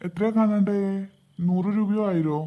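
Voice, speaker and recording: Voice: medium pitch, normal speed, narrow, tinny audio, close to an everyday voice. An actor doing a stern cartoon policeman. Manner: scolding, disapproving. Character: stern adult male police officer. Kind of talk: cartoon voice acting.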